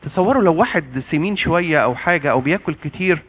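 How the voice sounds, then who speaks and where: A man with an Egyptian accent preaches at a quick clip in a high, lively voice. He keeps leaving sentences open for the congregation to fill in and slips in playful asides. The sound is thin and tinny, like it came over a phone line. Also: breathy edge. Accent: Egyptian Arabic. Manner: quizzes the congregation with trailing fill-in questions, joking asides. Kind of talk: interactive sermon.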